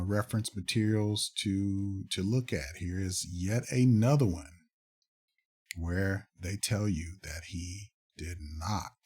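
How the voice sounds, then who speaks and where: A man giving casual commentary on fact-check articles, reading passages aloud and pausing often with fillers and restarts. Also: deep voice, darkish tone, slightly rough. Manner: halting, many fillers and restarts, reads aloud then comments.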